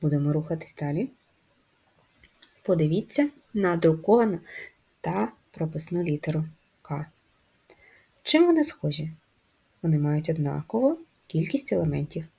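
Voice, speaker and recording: A primary school teacher shows her first-grade class how to write a letter, sounding out words slowly and clearly, syllable by syllable. Her voice is a little low, mellow and soft-edged with a faint huskiness, and her intonation is lively.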